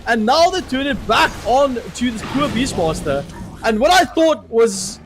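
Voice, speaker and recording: Young male caster, high bright voice, animated play-by-play, faint hiss behind. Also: unhurried. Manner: animated, laughs often, rising excitement on plays. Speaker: esports caster. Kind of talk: play-by-play esports commentary.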